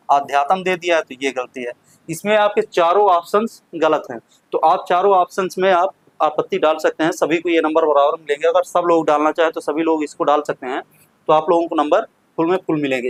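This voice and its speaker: A man's voice: fairly high pitch, no room sound, poor audio. Man teaching exam questions, dry sound. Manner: explanatory, repeats key words. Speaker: maths teacher. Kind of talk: exam question walkthrough lesson.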